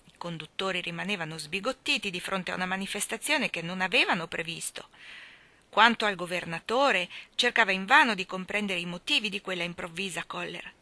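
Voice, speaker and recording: A woman reads a historical memoir aloud with a bright, forceful voice. Her delivery is dramatic, sinking into hushed, almost whispered phrases and climbing to emphatic heights. It is a steady audiobook narration. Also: lowish voice, fairly quick. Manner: dramatic, shifting between hushed near-whispers and raised emphatic passages. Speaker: reader.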